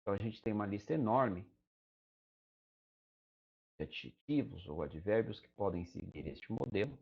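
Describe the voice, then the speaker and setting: Brazilian man with a gravelly voice teaching. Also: lowish voice, expressive, normal speed, a little mellow, lo-fi sound. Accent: Brazilian Portuguese. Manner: conversational, fillers like "né" and "tá". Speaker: English teacher. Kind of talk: explaining grammar to students.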